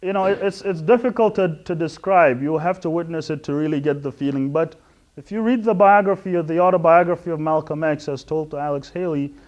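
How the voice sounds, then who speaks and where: A middle-aged man from West Africa giving an earnest introductory talk on religion, explaining step by step with frequent pauses and restarts. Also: on the high side, a little mellow, muffled recording. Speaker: Islamic lecturer.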